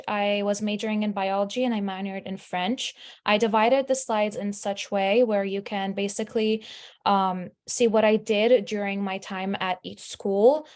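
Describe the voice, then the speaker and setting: A woman's voice: medium pitch, darkish tone. A woman in her twenties from Lebanon giving a chatty, upbeat presentation over a video call, with frequent fillers. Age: 20s. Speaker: student speaker.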